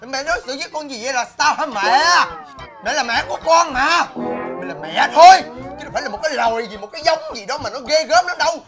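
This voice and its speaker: A woman's voice: high voice, lively intonation, rapid-fire, hardly any pauses. A woman playing a scolded young son who pleads with and answers back to his mother. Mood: pleading. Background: music.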